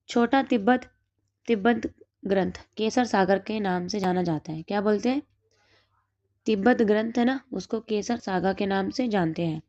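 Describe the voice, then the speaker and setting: Hoarse woman quizzing through exam notes. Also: mid-range voice, a little mellow, no room sound, lo-fi sound. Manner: asks and answers her own quiz questions. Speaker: exam prep teacher. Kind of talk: reading through study notes.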